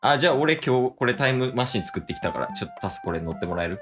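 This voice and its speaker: A man's voice: medium pitch, very animated, very fast, a bit bright. A man in his late twenties with a Kansai accent, playfully teasing and scolding his partner in an improvised comedy skit. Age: late 20s. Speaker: comedy duo member. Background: background music.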